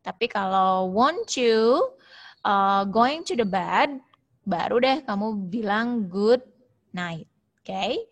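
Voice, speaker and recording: A woman English teacher with an Indonesian accent, teaching an online class and modelling phrases slowly. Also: medium pitch, lively intonation, lo-fi sound. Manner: explains at length, repeating and modelling phrases slowly. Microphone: video call.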